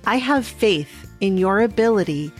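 A woman's voice: mid-range voice, animated, unhurried, soft background music. A woman hosting a podcast, giving scripted introductions and asking interview questions. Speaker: podcast host, intimacy coach.

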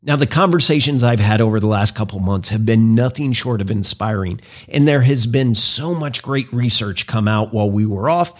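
A man hosting a podcast, delivering a scripted intro and monologue in an earnest, measured, persuasive way. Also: on the low side. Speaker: podcast host.

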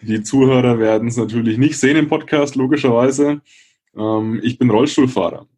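A man's voice: mid-range voice, moderate pace, darkish tone, slightly rough. A man of thirty with a Franconian accent and a rolled r, talking about himself as an interview guest. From Franconia, Germany. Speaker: guest, speaker and change coach. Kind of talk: conversational interview, personal account.

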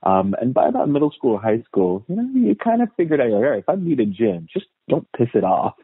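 This US guest historian has a medium-pitched, creaky, husky voice that swings hugely in pitch, and he talks briskly. In a casual interview he tells stories thoughtfully, with many restarts, "uh"s, and repeated words. The line is tinny and phone-like, completely dry.

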